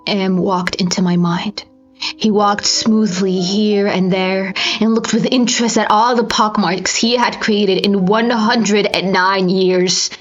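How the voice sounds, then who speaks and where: An amateur audiobook reader, a woman, narrates a scripted horror story with intense theatricality, slipping between breathy whispers and strained cries. Her voice is mid-range and steady, her pace slow. The lo-fi recording carries faint music in the background.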